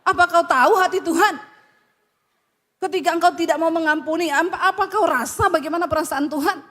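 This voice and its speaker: A woman's voice: very high-pitched, a little fast, a bit bright, long reverb tail. A woman pastor preaching a sermon, blunt and scolding, telling stories from her counseling.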